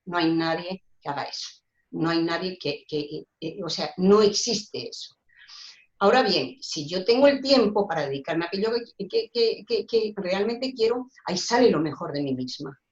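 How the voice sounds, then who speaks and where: A woman's voice: mid-range voice, expressive, normal speed. Earnest woman, roomy lo-fi call. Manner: earnest, searching for words, many restarts. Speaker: guest speaker. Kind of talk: discussion talk on social rights. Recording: roomy, dull lo-fi call audio.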